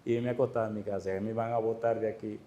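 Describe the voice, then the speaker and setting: A middle-aged man, a pastor telling stories in a sermon to a church congregation, swinging between loud exclamations and hushed, tender asides. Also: fairly low pitch, level tone, racing, muffled recording. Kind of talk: storytelling sermon.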